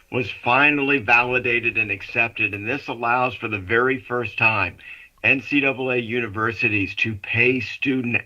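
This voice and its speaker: A man talking sports on a radio call-in, explaining at length in a chatty way. His voice is very bright and sharp, yet it arrives dull and muffled, as if coming through a wall over a lo-fi remote line. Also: fairly low pitch. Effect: muffled, as if heard through a wall. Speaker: sports commentator.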